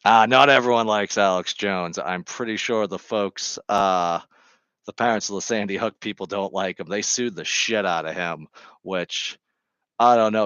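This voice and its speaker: Man with a lowish voice and deadpan humor, rambling casually to camera. Dry, slightly dull mic sound. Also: clean tone, no room sound. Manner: jokey, meandering, deadpan absurd humor. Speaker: vlogger. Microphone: Bluetooth microphone.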